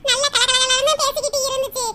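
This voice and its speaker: A performer voicing a sly, meddling mother-in-law with a Tirunelveli Tamil accent in a cartoon, in a squeaky, sped-up voice. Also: little pitch movement, quick pace, full character voice. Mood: needling. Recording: loud background noise.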